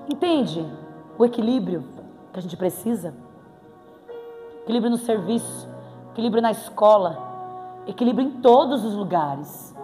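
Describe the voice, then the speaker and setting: Woman preaching w brazilian accent, high pitched, animated and jokey, long echo from the hall. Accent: Brazilian Portuguese. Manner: playful, animated, bursts into exclamations. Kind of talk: sermon. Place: church hall. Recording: reverberant hall with faint music.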